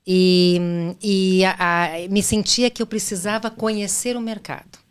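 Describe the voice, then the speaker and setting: A woman's voice: medium pitch, steady tone, measured pace, smooth. A middle-aged Brazilian woman being interviewed about her career. She speaks thoughtfully, often restarting her phrases and tagging them with "né?". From Brazil, daughter of Argentine parents. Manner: thoughtful, with frequent restarts and "né?" tags. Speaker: guest, business executive. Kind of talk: conversational interview answers.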